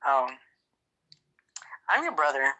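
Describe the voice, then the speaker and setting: A man voicing a character in a game roleplay, talking in a halting, hesitant way full of fillers. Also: mid-range voice, big pitch swings, bright, forceful tone, lo-fi sound. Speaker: roleplay player.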